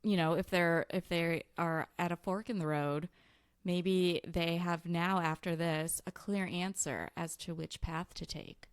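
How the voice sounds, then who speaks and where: A woman's voice: lowish voice, fairly even intonation, a little slow, clean tone, dry recording, clean studio sound. A woman with a Chicago accent co-hosting a casual podcast chat, giggly and a little nervous. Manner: giggly, nervous, laughs a lot. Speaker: podcast co-host.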